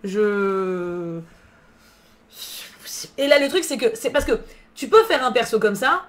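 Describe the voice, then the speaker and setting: A woman's voice: on the high side, very animated, takes it slowly. A woman streaming live, chatting casually about books, answering her chat and swearing freely in slang. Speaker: book streamer.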